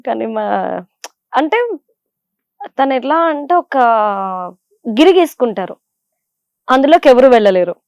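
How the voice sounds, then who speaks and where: A young woman with a Godavari Telugu accent answers interview questions in a chatty, animated way, her voice sitting a little high. The sound is dry and close, with no room echo. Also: measured pace, long pauses. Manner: chatty and animated, with frequent fillers. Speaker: serial actress, interview guest.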